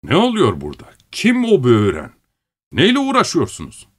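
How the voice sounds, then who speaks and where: A man voicing an impatient, bossy middle-aged landowner who shouts and scolds his workers. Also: mid-range voice, fairly quick, pitched above the performer's own voice, close to an everyday voice. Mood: scolding.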